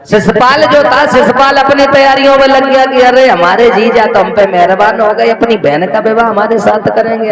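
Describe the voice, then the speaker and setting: High-voiced devotional storyteller. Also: male voice. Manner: folksy, addresses listeners as "lala". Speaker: religious storyteller. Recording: echoey room with music behind.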